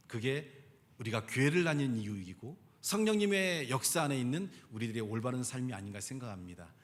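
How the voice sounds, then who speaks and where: A man's voice: medium pitch, fairly bright tone. A male pastor giving a conversational sermon and leading the congregation to repeat phrases after him. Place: church sanctuary. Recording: long church hall reverb.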